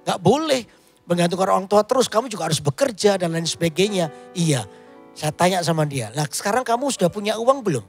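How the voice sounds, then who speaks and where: A man's voice: sits high, expressive, fairly quick, soft background music. A male pastor preaching a sermon, telling stories with quoted dialogue and rising to emphatic points.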